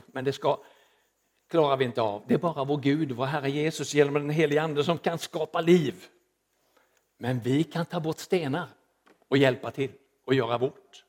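A middle-aged man, a pastor, preaching a sermon and telling a story with dramatic rises and soft drops. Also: fairly high pitch.

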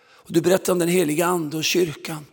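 Gravelly-voiced preacher man, echoing hall. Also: on the high side, level tone. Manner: storytelling, acts out quoted voices. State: strained, recovering voice. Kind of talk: sermon.

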